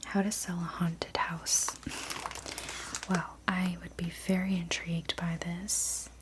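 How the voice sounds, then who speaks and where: A woman in a whispered role-play as a gentle, sleepy librarian, speaking softly and unhurriedly as she works at her desk. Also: on the low side, little pitch movement, slow, background noise. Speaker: ASMR performer playing a librarian. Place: small indoor room at a desk.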